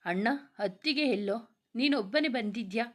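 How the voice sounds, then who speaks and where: A woman reading the lines of an anxious younger sister in a spoken story, quick and coaxing. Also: a little high, expressive.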